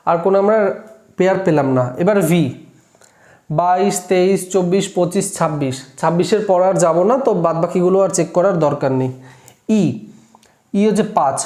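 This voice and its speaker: High-voiced man teaching in an echoey room. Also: a little fast, long pauses, mellow. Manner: counts aloud step by step, checks himself. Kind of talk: classroom lesson. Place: classroom with board.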